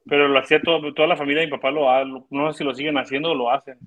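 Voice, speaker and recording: A man with a Mexican accent, a podcast guest, telling stories in crude, animated slang. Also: a little high, racing, dull audio. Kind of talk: casual chat.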